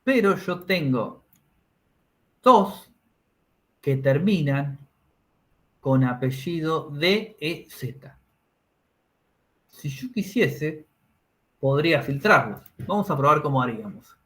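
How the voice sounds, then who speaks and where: A man's voice: a little high, animated, slow, long pauses, a bit bright. A man teaching a class, explaining each step and checking in with his students. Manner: explains step by step, checks understanding with tag questions. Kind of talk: classroom lesson.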